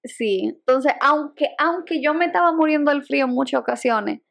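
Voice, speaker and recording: A woman's voice: high-pitched, lively intonation, normal speed, vocal fry, fairly bright tone. A young woman, co-hosting a podcast in casual chat, laughing often and restarting her sentences. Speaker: podcast co-host.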